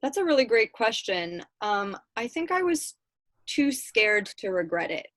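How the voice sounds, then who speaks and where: A woman in her thirties from Chicago telling her life story in a relaxed, chatty way, with frequent ums and little laughs. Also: fairly high pitch, a little slow, no echo. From Chicago, United States. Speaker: guest speaker. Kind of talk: casual personal storytelling.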